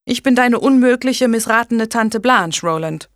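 A woman reading an audiobook, voicing an outspoken, spirited noble aunt with a lively manner. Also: fairly high pitch, a little slow, no room sound, studio quality, pitched above the performer's own voice.

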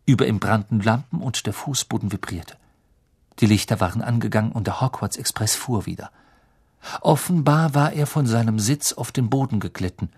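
A man narrating an audiobook in a measured storytelling manner, with a husky voice. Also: on the low side, a little mellow. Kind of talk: scripted narration.

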